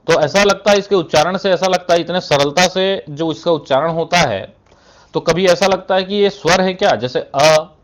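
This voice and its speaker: A male Hindi teacher explaining step by step in a classroom lesson, asking questions and answering them himself, with frequent "thik hai" fillers. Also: on the high side. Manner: keeps adding "thik hai" between phrases; clears his throat now and then.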